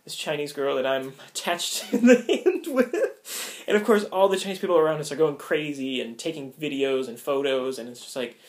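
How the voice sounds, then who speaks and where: A man's voice: on the high side, animated, normal speed. A young American man telling a story casually, rambling with many fillers and frequent laughs. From United States. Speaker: vlogger.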